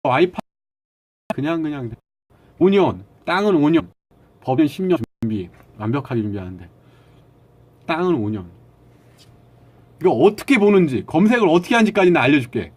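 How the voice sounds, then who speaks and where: A man hosts a casual live stream and lectures his viewers in a blunt, argumentative way, snapping back at the chat. His voice sits a little high for a man and swings widely in pitch. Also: sing-song, moderate pace, long pauses.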